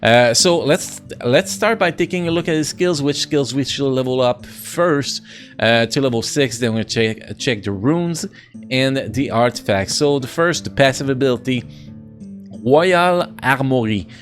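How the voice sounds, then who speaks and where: A man with a French accent giving casual, excitable commentary on a mobile game, full of restarts and playful sound effects. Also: medium pitch, moderate pace, soft background music.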